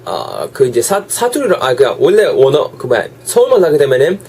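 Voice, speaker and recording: A young man with a Gyeongsang Korean accent teaching English in a casual online lesson, his throat sore and coughing, chatty and switching to slow drawn-out English examples. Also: mid-range voice, wildly swooping pitch, darkish tone, slight background noise. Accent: Gyeongsang Korean dialect.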